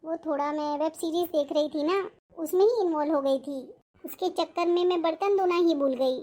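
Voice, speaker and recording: Young sister-in-law, sly and lazy, sweet-talks her way out , played by an actress; very high voice. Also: a little fast, dark tone. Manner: sweet-talking, making excuses. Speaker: actor. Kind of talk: family drama acting.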